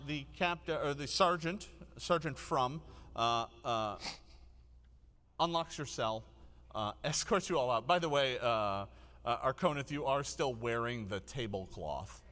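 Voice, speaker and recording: Male game master, live tabletop show: sharp, projected tone, halting improvised narration, amused. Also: mid-range voice, big-room sound.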